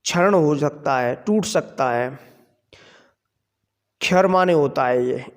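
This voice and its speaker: A man teaching a grammar lesson, explaining slowly and asking questions that he then answers himself. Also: on the high side. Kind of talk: classroom lecture. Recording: long hall reverb.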